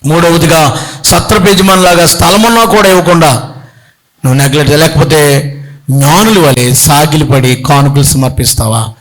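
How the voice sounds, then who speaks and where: A bishop delivers a sermon in a fairly high-pitched voice. He tells stories dramatically, rising sharply and then dropping to a hush. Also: moderate pace. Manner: dramatic storytelling with big swings in pitch and loudness. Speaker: bishop preaching.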